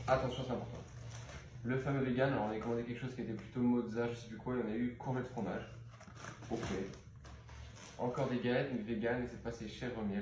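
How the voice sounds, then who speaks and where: A man doing casual, playful commentary on a grocery haul, joking and repeating words in a sing-song way. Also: mid-range voice. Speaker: vlogger. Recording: very echoey room with noise.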